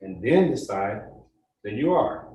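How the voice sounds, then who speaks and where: A pastor leading a congregation through a slow, calm guided meditation, coaching them step by step. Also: male voice, on the low side, roomy sound, recorded from a distance, rough recording.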